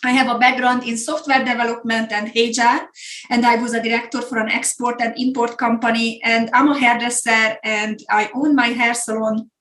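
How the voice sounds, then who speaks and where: Speaking at a moderate pace with little pitch movement, a middle-aged woman from Hungary leads an online business masterclass as a coach, her accent Hungarian. She's earnest, repeats words for emphasis, and her fairly high, bright voice echoes in the room.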